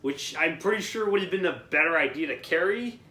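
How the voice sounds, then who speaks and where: Young guy reviewing a film with friends, a bit high-voiced, rambling, stumbling on words, in an echoey room. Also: expressive, a little fast, bright, forceful tone. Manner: rambling, stumbles over words, laughs often. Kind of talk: casual group movie review. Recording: echoey room, faint noise.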